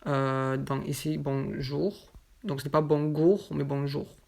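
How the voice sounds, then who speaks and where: A woman gives a pronunciation lesson, stating example words one by one with deliberate care. Her voice sits low, and she takes her time, pausing between each word. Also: flat delivery, vocal fry, a little mellow. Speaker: French teacher.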